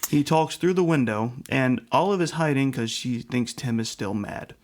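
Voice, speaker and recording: A man's voice: mid-range voice, animated, moderate pace, a little mellow. A man co-hosting a casual podcast, reviewing a film bluntly and sarcastically. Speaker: podcast co-host. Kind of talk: casual movie review chat.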